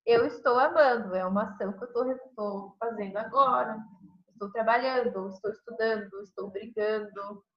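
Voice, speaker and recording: A woman's voice: fairly high pitch, normal speed. A woman with a Brazilian Portuguese accent, an English teacher explaining grammar step by step in a class and tagging "né?" onto her sentences. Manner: explains step by step, says "né?" constantly. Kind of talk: online class grammar review. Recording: dull lo-fi online class audio.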